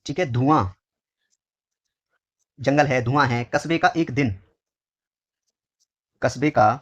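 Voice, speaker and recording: A Hindi exam teacher from India going through test questions. He repeats each phrase slowly, calls his pupils dear children, and drops his voice on each answer word. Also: mid-range voice, dull audio. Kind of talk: exam question walkthrough lesson.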